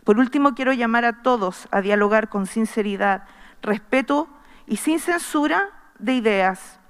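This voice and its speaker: A middle-aged woman reads an earnest, measured formal speech from notes at a podium microphone in a large wood-panelled assembly hall. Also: a little high, clean tone. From Chile. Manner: earnest, measured, reading from notes with small restarts. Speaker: constitutional convention member. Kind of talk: formal speech read from paper. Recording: long reverb of a large hall.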